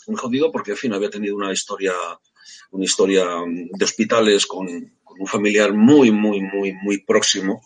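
A husky-voiced man, talking as a guest in a casual round-table chat. He is emphatic and repetitive, circling back to the same words with plenty of fillers. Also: fairly low pitch. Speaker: guest, rock musician. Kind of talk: casual talk-show chat.

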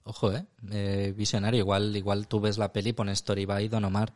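Guy with a lower voice on a podcast, kinda hesitant, keeps repeating words, dry close sound. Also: flat delivery, a little fast, a little mellow, no room sound. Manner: hesitant, repeats words while searching for them. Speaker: podcast co-host. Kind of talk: casual comedic chat.

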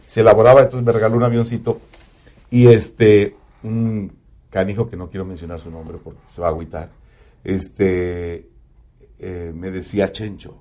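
A man with a Mexican accent, a radio announcer telling personal stories in a casual, animated way, swearing freely. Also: low voice, moderate pace. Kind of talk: casual storytelling in an interview.

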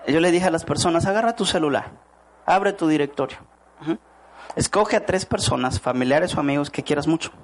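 Male speaker, motivational seminar style, a bit high-pitched, keeps asking the room questions. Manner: rhetorical questions to the audience, acts out quoted voices. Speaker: network marketing speaker. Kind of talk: motivational talk to a live audience.

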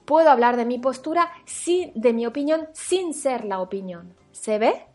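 A woman from France giving a reflective recorded talk as a spiritual teacher, animated, acting out her inner voices and checking in with the listener. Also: fairly high pitch, normal speed, soft background music.

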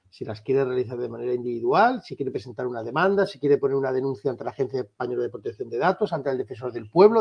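A man, a lawyer for an association, answers interview questions in a firm, emphatic, insistent way with a husky voice. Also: medium pitch, highs cut off. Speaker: lawyer for a civil rights association.

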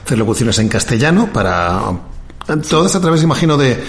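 A man's voice: mid-range voice, sing-song, quick pace. Man asking brief questions. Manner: brief questions and encouraging interjections. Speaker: podcast host. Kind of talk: casual interview.

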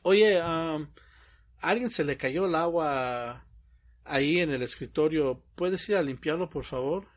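A man's voice: fairly high pitch, measured pace. A young man chatting casually, telling stories animatedly and acting out quoted dialogue with frequent laughs. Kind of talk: casual chat.

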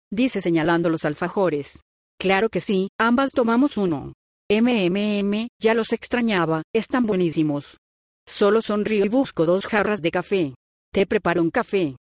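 A woman's voice: lowish voice, a little mellow, no echo, studio quality. A woman reading a first-person audiobook, voicing all the characters' lines in her own plain voice. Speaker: audiobook narrator.

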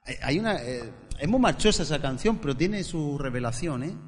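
Higher-pitched pastor in reverberant hall. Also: male voice, lively intonation, normal speed, faint music behind. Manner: stammers on repeated words, builds to emphatic preaching. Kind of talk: sermon with opening prayer. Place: church hall. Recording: long church-hall reverb.

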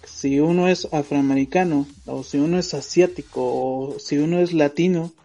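A man, co-hosting a casual podcast and musing out loud with many fillers. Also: fairly high pitch, fairly even intonation. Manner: thoughtful, pauses with fillers, tags "¿va?". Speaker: podcast co-host. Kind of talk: casual opinion chat. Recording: dull lo-fi audio with faint music.

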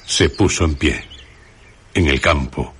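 A man narrating a radio drama in a measured storytelling voice. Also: extremely low pitch, fairly bright tone, a little hiss or hum. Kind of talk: scripted narration. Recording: faint outdoor ambience with birds and insects.

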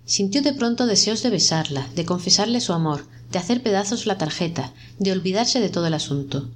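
A woman reading a short story aloud in a measured, dramatic narration. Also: medium pitch, expressive, a little hiss or hum. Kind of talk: scripted audiobook narration.

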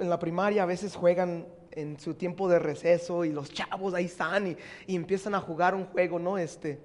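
Man preacher, very high voice, slow, conversational sermon, echoey church hall. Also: a little mellow. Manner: conversational, asks the audience questions, stumbles over words.

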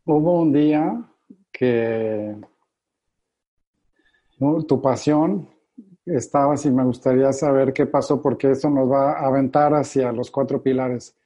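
A man's voice: mid-range voice, unhurried, long pauses, mellow. A man hosting a podcast, encouraging his guest with long, talkative questions. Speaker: podcast host. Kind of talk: interviewing. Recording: dull lo-fi audio.

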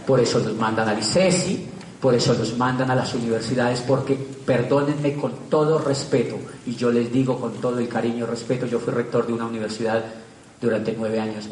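A man's voice: mid-range voice, a little mellow, a little hiss or hum. A middle-aged man, talking to an audience with rhetorical questions and repeated words for stress. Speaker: public speaker. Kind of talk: lively talk to a live audience. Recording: echoey room, from far off.

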